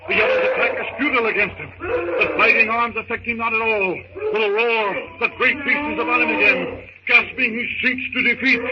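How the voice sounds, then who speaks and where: On a very noisy, muffled recording, a high-pitched man narrates an old scripted radio drama. He declaims dramatically and keeps the tension up.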